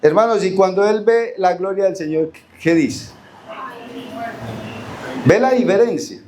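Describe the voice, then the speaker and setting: Colombian preacher with a higher voice. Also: male voice, a little slow, a little mellow. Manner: asks the congregation questions and answers them; reads verses aloud, drawing out key words. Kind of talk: Bible study sermon. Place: church hall.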